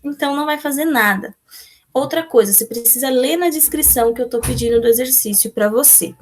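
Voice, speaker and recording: Brazilian woman teacher, young adult, patient and methodical, voice a bit high. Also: brisk. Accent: Brazilian Portuguese. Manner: patient, explains step by step, answers pupils' imagined questions. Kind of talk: remote class walkthrough of textbook exercises.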